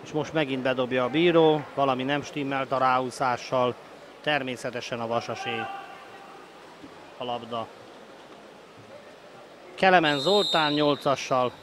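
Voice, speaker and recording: A man giving excited, openly partisan live play-by-play sports commentary as he roots for his team. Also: medium pitch, long pauses. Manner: excited, breaking into shouted goal calls. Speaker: sports commentator of a water polo match. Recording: noisy live sports venue ambience.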